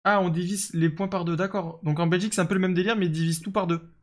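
A man's voice: high voice, fairly even intonation, quick pace. A young man streaming a football management game, chatting casually and answering his viewers as he plays. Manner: chatty, reads and answers chat, lots of fillers. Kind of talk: casual live game commentary.

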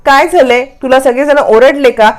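An anxious mother from a serial retelling, firing off worried questions about her daughter, as a woman reads her lines. The voice is high and clear. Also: moderate pace, close to an everyday voice. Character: worried caring mother on the phone.

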